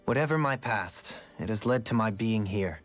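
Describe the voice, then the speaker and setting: An actor playing a refined, gentle and eccentric former lord in a game, speaking in formal, courtly phrasing. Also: male voice, fairly low pitch, lively intonation, normal speed, faint music behind, close to an everyday voice. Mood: reflective. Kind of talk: game character dialogue.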